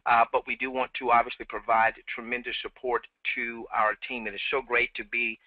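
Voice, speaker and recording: A man's voice: mid-range voice, level tone, a little fast, no echo. A man hosting a live team webinar, upbeat and repeating himself, with many fillers, on a headset. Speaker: webinar host. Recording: dry, tinny phone-like line.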